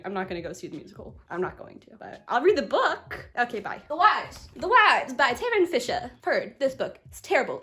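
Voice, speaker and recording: A woman book vlogger in casual chat, playful and full of jokey self-mocking asides. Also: fairly high pitch.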